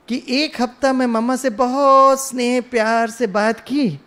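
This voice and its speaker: Guy with a high voice giving a spiritual talk, tells stories, keeps asking the crowd questions. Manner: storytelling, asks the audience questions; mixes English phrases into Hindi speech. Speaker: spiritual speaker.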